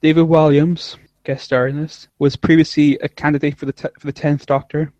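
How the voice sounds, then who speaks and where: A man's voice: on the high side, little pitch movement, fairly quick, darkish tone, no room sound. Chatty man with a dull, dry recording. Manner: rambling, stumbling restarts, laughs often. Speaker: podcast host. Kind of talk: casual podcast chat.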